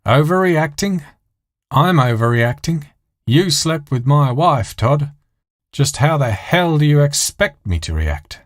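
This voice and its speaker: A man's voice: fairly high pitch, lively intonation, unhurried, hardly any pauses, no echo, clean studio sound, voice pushed up. A man playing overwrought Australian men in a soap opera parody, melodramatically overacted. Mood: indignant, melodramatic.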